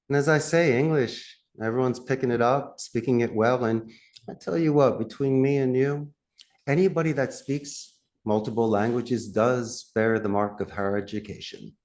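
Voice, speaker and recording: This is a call center CEO from the Philadelphia area, by his accent, answering an interviewer with plenty of emphasis. His delivery is animated, full of lively rises and falls in pitch and frequent bursts of laughter.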